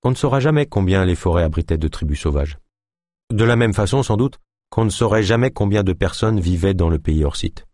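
A man narrating an audiobook in expressive scripted storytelling. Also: low-pitched, a little fast, dry recording, studio quality.

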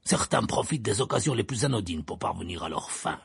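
Grumbly old wizard, super deep and gravelly, slow and threatening, dry close sound. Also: male voice, a bit bright, no echo, heavily acted. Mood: growling menace. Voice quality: growling, gravelly. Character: gruff battle-scarred old male wizard, menacing. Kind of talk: audiobook character voice.

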